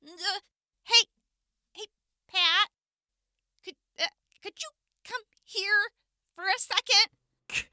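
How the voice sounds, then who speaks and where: Woman acting a very high-pitched, flustered prisoner. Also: very slow, pauses often, bright, forceful tone, dry recording, studio quality, full character voice. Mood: embarrassed, hesitant. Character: flustered, foul-mouthed jailed young woman desperate for relief. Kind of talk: audio drama acting.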